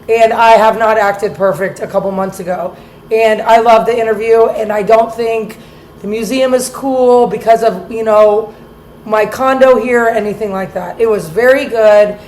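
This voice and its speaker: A woman leaving a long, halting, apologetic voicemail, heard over a landline phone. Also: on the high side, a little mellow, roomy sound, a little hiss or hum, poor audio. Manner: halting, repeats herself, earnest and apologetic. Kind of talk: rambling voicemail message.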